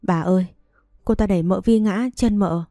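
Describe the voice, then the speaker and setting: A woman's voice: mid-range voice, normal speed, dark tone, dry recording, studio quality, lightly acted. A woman reading the lines of a frantic, tearful housemaid. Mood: panicked.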